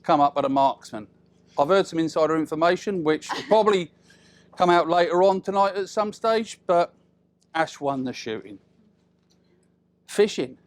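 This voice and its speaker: A middle-aged British man giving an informal, humorous wedding speech as father of the bride, chatty and teasing, with deliberate pauses and tag questions. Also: fairly high pitch, lively intonation.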